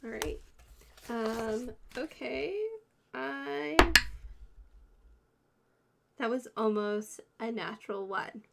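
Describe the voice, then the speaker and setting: A woman's voice: fairly high pitch, very slow, vocal fry, pauses often, very noisy. A woman talking casually as a player in a tabletop role-playing game.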